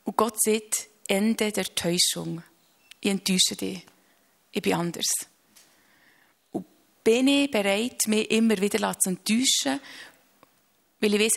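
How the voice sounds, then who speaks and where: A woman, speaking earnestly and reflectively about her faith as an interview guest, with halting restarts and slow emphasis on key phrases. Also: medium pitch, vocal fry.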